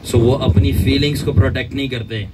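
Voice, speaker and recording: A male pastor preaching a sermon emphatically, with a tinge and long pauses. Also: medium pitch, steady tone, noisy background.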